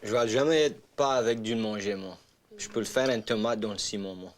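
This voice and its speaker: Cajun man telling his story, low voice. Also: fairly quick. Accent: Cajun French. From Louisiana. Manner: animated, acts out quoted voices. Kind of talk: casual storytelling interview.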